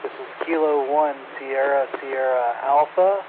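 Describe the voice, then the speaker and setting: A man checking into a ham radio net with his call sign. He talks in flat, clipped radio procedure, and his voice comes through a radio transmission with static. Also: mid-range voice, measured pace. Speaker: amateur radio operator checking in. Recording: tinny radio with static, distant.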